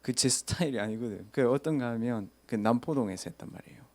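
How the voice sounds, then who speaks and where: A man's voice: medium pitch, fast talker. A man, a pastor telling a story in a casual sermon and asking listeners rhetorical questions. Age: 30s.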